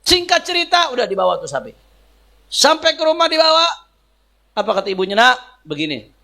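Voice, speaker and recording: A man's voice: very high-pitched, sing-song, a little fast, sharp tone. A male preacher, telling a religious story in an emphatic, folksy sermon, often addressing the congregation.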